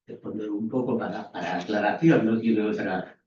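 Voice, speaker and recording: A professor asking a long question in an academic seminar, halting and full of fillers. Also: male voice, lowish voice, a little mellow. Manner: slow, halting, with many fillers. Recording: far from mic in a very echoey room, dull, faint noise.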